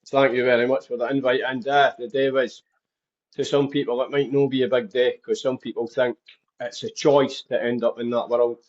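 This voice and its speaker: A man's voice: mid-range voice, flat delivery, moderate pace, lo-fi sound. A man with a Dundee Scottish accent, speaking openly as a podcast guest who tells his life story. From Scotland. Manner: open, candid storytelling.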